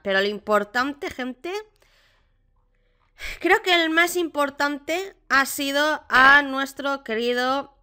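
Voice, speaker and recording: A young woman from Spain with a Spanish accent, chatty and excitable, reading patch notes and commentating her own gameplay. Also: on the high side, smooth. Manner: chatty, excitable, many repeated fillers like vale. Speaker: gaming streamer.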